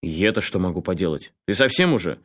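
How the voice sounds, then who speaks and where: A man voicing a calm, doubtful middle-aged man who answers in a level, skeptical way. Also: deep voice, fairly quick.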